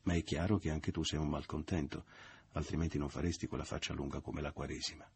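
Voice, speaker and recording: A man's voice: rumbling low, fairly even intonation, fast, vocal fry, slight background noise. A man reading aloud, voicing a jovial, falsely good-natured man who teases his hosts at dinner. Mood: triumphant. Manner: loud and mocking.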